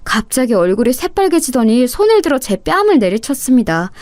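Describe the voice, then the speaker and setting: A woman's voice: sits high, sing-song, a little fast, a little mellow, no room sound. A woman narrating a first-person audiobook story in a confiding way, speaking straight to the listeners. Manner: confiding, addresses listeners directly.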